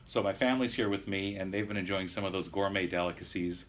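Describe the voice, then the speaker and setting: A man in his early fifties recording a casual video diary as a patient, explaining things in an earnest, measured, halting way. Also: sits low, fairly even intonation. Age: early 50s. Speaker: patient sharing his surgery experience. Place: private hospital room.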